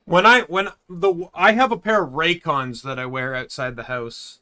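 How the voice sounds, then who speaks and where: A man's voice: on the high side, normal speed, bright, forceful tone. A man streaming a game from his room, chatting casually and rambling, often restarting his sentences. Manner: rambling, self-correcting. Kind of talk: casual gameplay chat. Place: home room.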